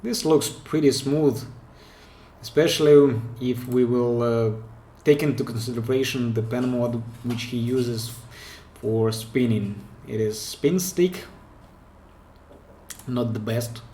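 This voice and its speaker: A man's voice: mid-range voice, slow pace, pauses often, mellow. A man with a Russian accent, hosting a pen spinning channel and chatting casually about viewer clips, hesitant and often restarting mid-phrase. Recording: echoey room.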